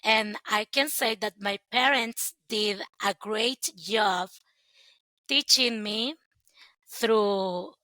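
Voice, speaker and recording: A young woman, sharing her story as a guest in sincere, halting phrases. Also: medium pitch, sharp tone, dry recording, poor audio. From El Salvador. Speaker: guest, sponsorship coordinator. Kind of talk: earnest personal testimony.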